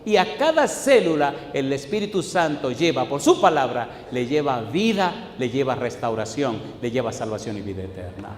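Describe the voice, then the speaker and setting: A male pastor preaching a sermon in a church, firing rhetorical questions at the congregation and swinging between loud declaiming and quiet asides. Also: medium pitch, very animated, moderate pace, few pauses. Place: church sanctuary. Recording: echoey church hall with long reverb.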